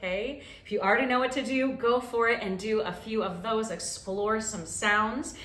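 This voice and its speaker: A woman's voice: on the high side, fairly even intonation, normal speed, a bit bright. Encouraging woman vocal coach, roomy echo. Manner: encouraging, coaching with frequent "okay?" check-ins. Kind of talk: guided vocal warm-up lesson. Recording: roomy echo with faint ambient noise.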